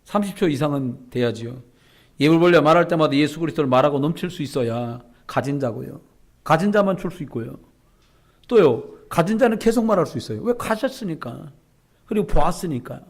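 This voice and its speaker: A man pastor preaching a sermon in a church, conversational and joking with the congregation. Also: on the high side. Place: church sanctuary.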